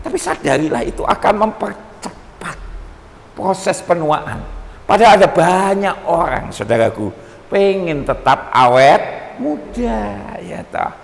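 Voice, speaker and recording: A man pastor preaching a sermon, animated and joking, often calling out to his listeners. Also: high-pitched, a little slow, creaky. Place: church seminar hall. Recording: long hall reverb.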